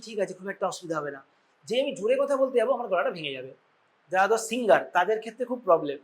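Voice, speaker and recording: A man with a Bengali accent teaches a classroom of medical students in a relaxed, conversational way. He keeps asking questions and checks in with a quick "okay?" as he goes, mixing English terms into his talk. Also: high-pitched. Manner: informal, quizzing students, frequent "okay?" check-ins. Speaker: surgery lecturer.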